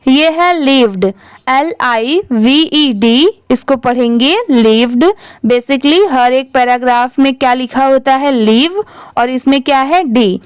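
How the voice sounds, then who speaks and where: A high-voiced woman teaches English reading at an unhurried pace. She spells each word out letter by letter, blends the parts together and patiently repeats the result. The recording is dry, with no room sound. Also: smooth, dry recording. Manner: spells words letter by letter, then blends them. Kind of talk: slow spelling-out lesson.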